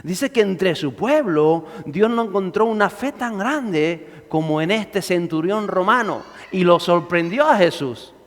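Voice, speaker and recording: A man preaching from the pulpit in a high-pitched voice. He calls on the congregation to repeat phrases after him. The sound carries the long reverb of a church hall. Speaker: pastor. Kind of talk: sermon.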